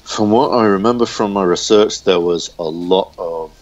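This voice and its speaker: A low-pitched man speaking at a normal pace appears as a guest in a casual interview chat. He's a writer who talks hesitantly and often searches for words, captured on a lo-fi recording.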